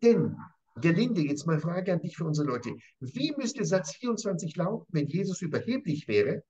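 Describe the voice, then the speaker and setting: Emphatic husky man teaching scripture. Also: a little high, very animated, moderate pace, warm tone, highs cut off. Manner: emphatic, repeats phrases, often addresses his interviewer by name. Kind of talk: animated conversational Bible lesson.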